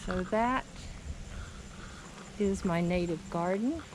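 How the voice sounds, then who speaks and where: A woman giving a casual, unhurried, plainspoken tour of a garden. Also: fairly low pitch. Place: outdoors in a garden. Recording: noisy outdoor recording with insect sounds. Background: crickets and insects.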